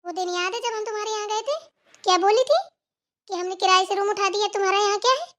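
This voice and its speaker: A woman voicing a rich, arrogant young daughter-in-law in a cartoon, talking in a sharp, mocking way. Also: very high-pitched, fast talker. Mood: haughty. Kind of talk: cartoon voice acting.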